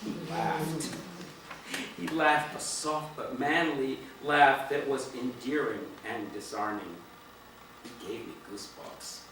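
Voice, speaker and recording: A man reading his own first-person story aloud in a dramatic way, swinging between hushed and loud passages. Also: medium pitch, fairly even intonation, measured pace, a little hiss or hum. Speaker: reader of his own play. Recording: echoey room from far off, faint ambience.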